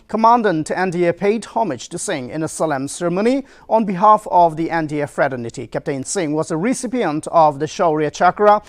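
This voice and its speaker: High-pitched male newsreader. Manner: formal. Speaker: news anchor. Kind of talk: scripted news reading.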